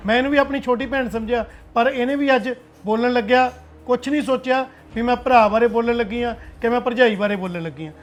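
A man's voice: very high voice, steady tone, a little fast. A Punjabi-accented man playing a stern elder brother who settles a family quarrel. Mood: lecturing. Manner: stern, lecturing. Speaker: elder brother, head of household.

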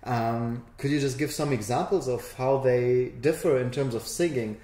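A man in his thirties hosting a casual interview in a living room, talking in a relaxed, friendly way. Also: mid-range voice, normal speed, roomy sound. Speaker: host. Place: bright living room with large window.

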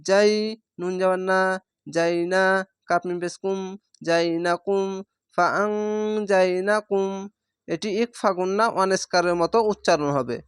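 A man teaching Quran reading, with a Bangladeshi Bengali accent, who spells out each syllable slowly and stretches the vowels. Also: sits high, smooth, no room sound, studio quality. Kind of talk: spelling-out recitation lesson.

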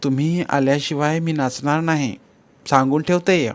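A man's voice: a little high, fairly even intonation, moderate pace, lightly acted. Man putting on a spirited young dancer woman. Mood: coaxing. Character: young female tamasha dancer, playful and spirited.

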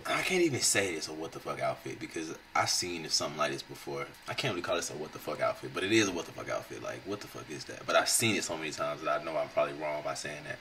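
A young man hosting a reaction video, giving blunt, slangy commentary with loud outbursts. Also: very deep voice, lively intonation, fast, few pauses, music in the background, rough recording. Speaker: reaction channel host.

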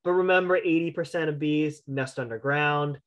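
A man's voice: a little high, moderate pace, fairly bright tone. A young adult man, a county entomologist, giving a casual online lecture on gardening over a video call, chatty and full of restarts and "right?" tags. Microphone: video call webcam.

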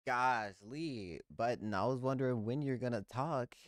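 A man's voice: mid-range voice, moderate pace. A man giving slangy, playful commentary while reacting to a video, with laughing asides.

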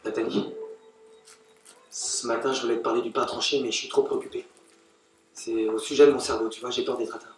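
Actor playing anxious, earnest Simon Labrosse. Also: male voice, medium pitch, steady tone, a little fast, pauses often, recorded from a distance, slight background noise, lightly acted. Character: Simon Labrosse, anxious, restless jobless man. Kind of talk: stage play acting. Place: theatre stage. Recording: very echoey stage from afar.

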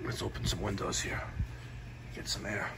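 Plumber vlogger, man in his 40s, New York accent, hyped and animated, phone-filmed in a basement. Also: moderate pace, heavy background noise. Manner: animated, hyped, talks to viewers. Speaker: plumber and heating technician. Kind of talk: on-the-job vlog narration. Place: house basement boiler room. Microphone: phone camera at arm's length.

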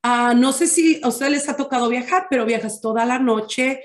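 A woman teaching a Bible study, deliberate and often checking in with her listeners. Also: fairly high pitch. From Mexico. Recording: echoey room.

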